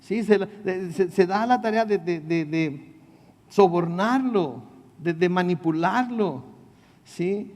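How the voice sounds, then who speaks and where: A male pastor leads a midweek Bible study in a casual, conversational way, often turning to his listeners with questions and slipping in humorous asides. His voice sits a bit higher than most men's, and long reverb trails after his words. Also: slow pace, darkish tone. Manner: conversational, asks the audience questions, joking asides. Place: church meeting room.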